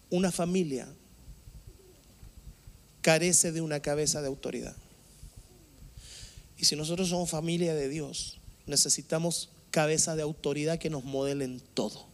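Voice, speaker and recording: A male pastor delivers a sermon in a notably high voice. He preaches with animated emphasis and sudden loud outbursts, speaking directly to his congregation at a church service.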